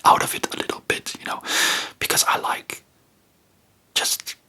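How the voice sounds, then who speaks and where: At a measured pace and with a sharp tone, a male ASMR host rambles in a breathy, unvoiced whisper, his chat hesitant and spontaneous.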